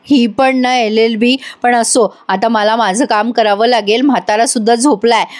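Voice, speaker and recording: An insolent, scheming young woman who meets every question with mockery and sass, put on by a woman narrator. High-pitched, a serial recap scene. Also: fairly even intonation, normal speed, natural voice. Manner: mocking, cheeky retorts.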